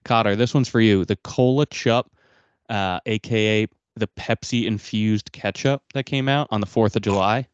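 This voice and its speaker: A lowish male voice that wanders through long explanations, restarting and hunting for words in relaxed podcast talk. The recording is dry and a bit dull. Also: moderate pace, clean tone, dry recording. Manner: rambling, searching for words. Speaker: podcast co-host. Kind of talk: casual chat.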